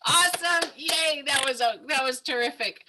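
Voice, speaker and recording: A woman's voice: high-pitched, moderate pace, background noise. A woman leading an improv workshop over a video call. She is encouraging and upbeat, and she laughs often. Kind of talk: leading a group exercise.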